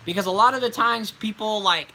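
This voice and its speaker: A man hosting a casual livestream Q&A as a voice actor, with a very bright, sharp-edged tone. He rambles loosely, dropping ums and likes as he answers viewers, his voice sitting somewhat high for a man. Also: fairly quick, a little hiss or hum, poor audio.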